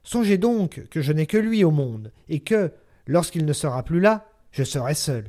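A grieving young wife begging in a broken, pleading voice, as a man reading aloud puts her on. Her voice sits clearly higher and louder than the narration. It is storybook drama. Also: very animated, moderate pace. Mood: desperate.

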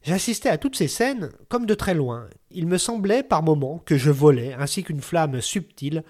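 A man reads a literary story aloud, his voice sitting a little on the high side. His delivery stays measured and steady, the way an audiobook is narrated.

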